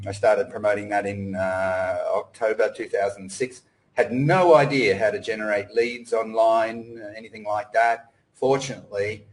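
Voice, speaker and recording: A man's voice: on the low side, low-quality recording. A middle-aged man from Australia giving a casual online presentation, rambling with lots of fillers and restarts. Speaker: webinar presenter. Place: home in Cambodia.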